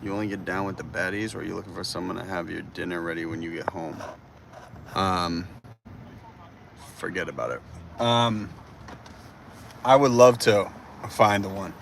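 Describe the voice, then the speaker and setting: A man's voice: low voice, normal speed, gravelly, pauses often, noisy background. A man in his twenties streaming live while driving through a city, chatting casually and rambling. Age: 20s. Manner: rambling, animated, says bro a lot. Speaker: livestreamer. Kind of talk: casual livestream chat.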